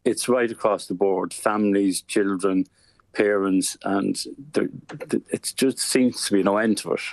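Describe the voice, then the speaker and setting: A man's voice: on the low side, steady tone, measured pace, vocal fry, darkish tone, no room sound. A man speaking as a spokesperson in a news interview.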